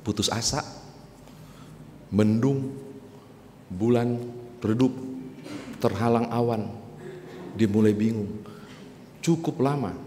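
Low-voiced pastor preaching in an echoey church. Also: male voice, dark tone. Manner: conversational storytelling, addressing congregation. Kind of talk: sermon. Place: church sanctuary. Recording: reverberant church with faint hiss.

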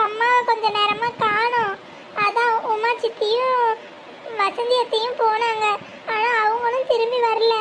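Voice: extremely high pitch, a bit bright, a little hiss or hum. A performer voicing a little girl in a cartoon who pleads tearfully for her mother.

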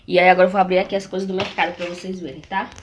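A woman's voice: on the low side, level tone, rapid-fire. A young Brazilian woman vlogging casually and chattily to her viewers, talking through her errands and her cooking. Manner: chatty, addresses viewers as "minha gente". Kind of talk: casual vlog chat. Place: street then a small home kitchen. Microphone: handheld phone camera. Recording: phone recording with clear background noise.

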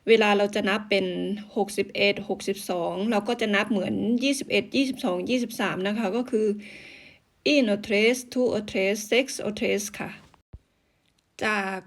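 Woman going over numbers in a chill lesson, slow and patient, says each one twice. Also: medium pitch. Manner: patient, repeats words slowly for practice; polite, uses soft sentence-end particles. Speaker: language teacher. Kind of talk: casual language lesson.

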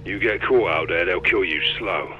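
Man acting Ghost, very deep deadpan soldier. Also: moderate pace, highs cut off, faint music behind, natural voice. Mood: calm, commanding. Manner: deadpan, clipped, dry. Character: stoic masked British special forces lieutenant, darkly deadpan. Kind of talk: naturalistic video game acting.

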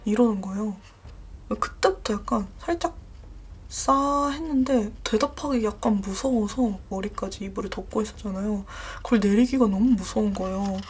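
A young adult woman vlogger casually telling horror stories, dropping into hushed whispers at the scary parts. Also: mid-range voice, normal speed, a little hiss or hum. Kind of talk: casual horror storytelling while journaling.

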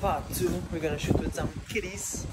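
A man's voice: fairly high pitch, steady tone, moderate pace, very noisy. A man in his twenties with a Trinidadian accent, talking casually to his phone camera in a vlog, tired and chatty. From Trinidad and Tobago. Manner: laid-back, chatty, playful slang. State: tired from little sleep. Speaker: vlogger. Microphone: phone held at arm's length. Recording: loud music over the voice.

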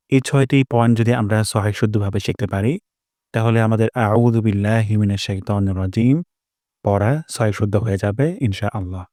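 A man teaching Quran recitation, explaining each sound patiently and drilling it through repetition, with slow, drawn-out chanted examples. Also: lowish voice, dark tone, no echo, studio quality. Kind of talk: spoken lesson on Arabic pronunciation.

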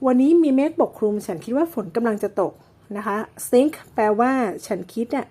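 A woman teaching English weather words, explaining each one slowly and patiently, with many polite particles. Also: a little high, mellow. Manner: slow, drawn-out explanations with frequent polite particles. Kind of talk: English vocabulary lesson.

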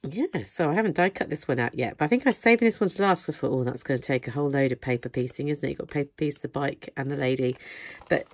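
Losing her voice, a craft-channel host talks casually through a product haul, rambling with plenty of fillers. She's indoors at a craft desk, filmed by an overhead camera showing her hands. The voice is extremely low, fast and darkish, with no echo.

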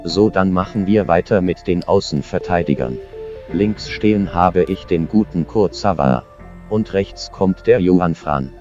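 A man talking through a flat robotic voice changer, making deadpan jokes while commentating a game with a friend. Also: deep voice, a little slow, dull audio, music in the background. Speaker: co-host, gamer. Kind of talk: casual gaming commentary.

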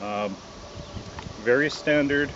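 A man giving a casual, relaxed product review outdoors, hesitant and full of ums and uhs. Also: medium pitch, slow pace, dull audio, noisy background. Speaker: gun reviewer.

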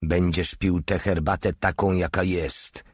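A man's voice: low-pitched, slow pace, husky, dry recording, studio quality, exaggerated voice. A man voicing a stern, hard-voiced male legionnaire soldier in an audiobook reading, harsh and commanding.

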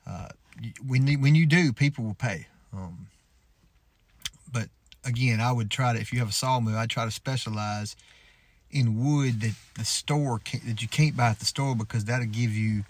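A man in his thirties giving relaxed, folksy advice to the camera from inside a parked pickup truck, often restarting his words. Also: medium pitch, moderate pace, husky, no room sound. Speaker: sawmill owner and homesteader vlogger. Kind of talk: casual advice talk to camera.

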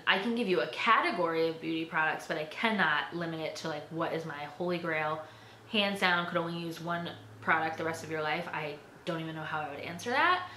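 A woman's voice: fairly low pitch, pushed and bright. A young adult woman talking casually to the camera in a tag video, chatty, with lots of "like" and "um". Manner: chatty, filler-heavy with frequent "like" and "um". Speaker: YouTuber. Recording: echoey room with faint background noise.

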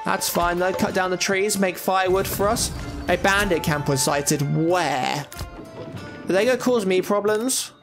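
A young man with a high, bright-sounding pitch chats through a game as he plays it, thinking aloud and tossing out jokey asides. Faint game music sits quietly behind his voice. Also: a little slow. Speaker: gaming YouTuber. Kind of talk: casual let's-play commentary.

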